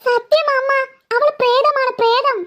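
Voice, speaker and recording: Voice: extremely high pitch, steady tone, a little slow, fairly bright tone. A performer voicing a frightened young girl who pleads and stammers in panic. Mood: pleading. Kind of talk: cartoon voice acting.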